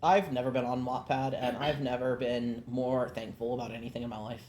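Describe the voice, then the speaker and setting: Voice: mid-range voice, fairly even intonation, a little fast, noisy background. A co-streamer chatting casually on a gaming stream, teasing and telling stories with animation.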